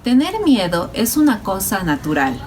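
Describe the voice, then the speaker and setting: A woman's voice: medium pitch, normal speed, slight background noise. A woman teaching a Sunday school lesson, speaking animatedly to children. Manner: warm, animated, addresses children.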